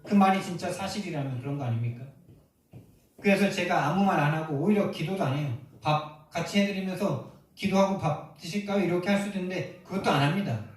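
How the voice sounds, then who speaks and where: A man's voice: high voice, animated, brisk. A male pastor preaching a sermon, emphatic and full of rhetorical questions to the congregation, in a church sanctuary. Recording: echoey hall from far off.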